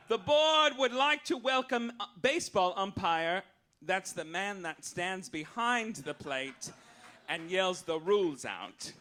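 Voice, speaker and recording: The speaker is a comedian on stage at a live cabaret venue, playing show host and reading mock-official rulings as satirical stand-up for the crowd. His slightly high voice sounds pushed and bright, and his delivery is campy, arch and theatrical. Slight background noise can be heard.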